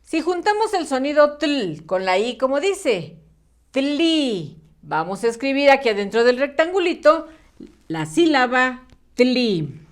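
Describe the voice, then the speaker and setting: A woman leads a reading class for young children, sounding out syllables and praising each answer. Her voice sits a little high, moves slowly and rises and falls a lot. She repeats each sound with patient encouragement. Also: sing-song. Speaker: primary school teacher. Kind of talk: children's phonics lesson.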